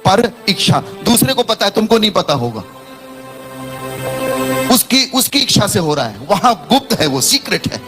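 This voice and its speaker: High-voiced animated male Hindi preacher. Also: normal speed, long pauses, music in the background. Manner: animated, calls out to the congregation. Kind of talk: sermon with storytelling and call-and-response.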